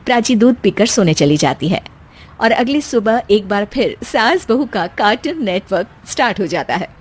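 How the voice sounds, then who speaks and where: A woman's voice: medium pitch, animated, normal speed, slightly rough. A woman narrator reading a scripted story in a storytelling style.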